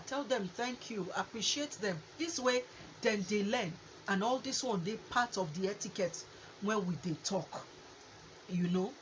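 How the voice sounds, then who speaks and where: Nigerian lady host talking pidgin, animated advice chat, mid pitch, kinda dull lo-fi sound. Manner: animated, acts out example exchanges. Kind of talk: conversational advice talk to an online audience. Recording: muffled lo-fi audio with faint noise.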